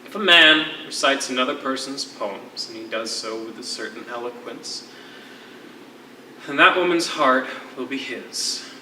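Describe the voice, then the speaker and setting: In a live one-act stage play, a male actor with a medium-pitched, sharp-toned voice portrays a lyrical, wistful former poetry teacher who is held prisoner. His mood is tender and nostalgic, and he tells his story with theatrical eloquence at a measured pace. The sound is echoey and distant, picked up from afar on a theatre stage with faint noise.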